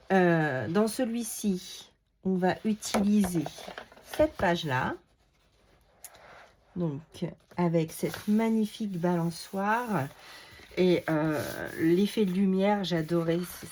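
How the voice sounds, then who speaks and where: A woman's voice: medium pitch, a little mellow, a little hiss or hum. A woman chatting casually as she works through a collage craft tutorial at home, with lots of fillers along the way. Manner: chatty, many fillers, talks while working. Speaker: craft video creator.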